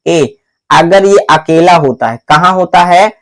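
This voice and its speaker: A man with a fairly high, animated, fairly bright voice drills grammar classroom-style, repeatedly asking the same question and answering it himself while calling the listener "my brother." He slowly spells words out letter by letter.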